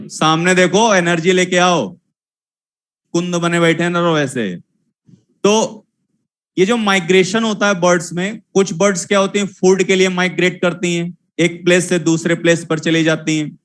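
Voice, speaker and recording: A man's voice: sits high, steady tone, normal speed, fairly bright tone. A young man teaching a zoology class, lecturing and scolding his students again and again in a repetitive way.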